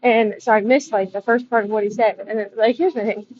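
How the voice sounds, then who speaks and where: A young woman vlogger telling a casual storytime in a chatty, animated way. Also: a little high, a little fast. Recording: dull lo-fi with faint noise.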